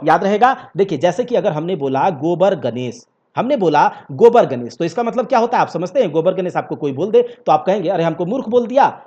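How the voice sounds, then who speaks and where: A man with a high voice that swoops up and down as he teaches grammar to exam students. He explains each point step by step and keeps checking whether the class is following. The recording sounds dull and lo-fi. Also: a little mellow. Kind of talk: grammar lecture.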